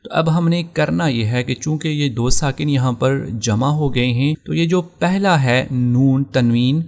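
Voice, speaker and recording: A male Quran teacher with a Pakistani Urdu accent explains recitation rules in a patient, step-by-step lesson. His voice carries a gravelly, creaky texture at a mid pitch. He goes back over each rule and takes every example slowly. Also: a little mellow.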